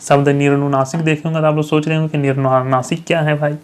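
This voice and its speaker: A man's voice: a little high, flat delivery, fast, clear, resonant tone. Man teaching, quizzing viewers as he goes. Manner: repeats questions to the viewers and answers them himself; checks understanding with frequent "thik hai". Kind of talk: grammar lesson for exam candidates.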